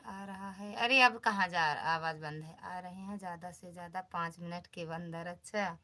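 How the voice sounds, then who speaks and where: Bright-voiced woman chatting on a live stream. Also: fairly low pitch, fairly even intonation, normal speed. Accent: Awadhi. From northern India. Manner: chatty, greets viewers by name, reads out comments. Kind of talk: casual live stream chat.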